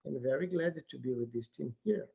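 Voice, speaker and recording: A man's voice: mid-range voice, brisk, creaky, mellow, slightly rough. A man from Brazil, an executive, introducing himself cheerfully in careful English on a video call. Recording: dull video call audio.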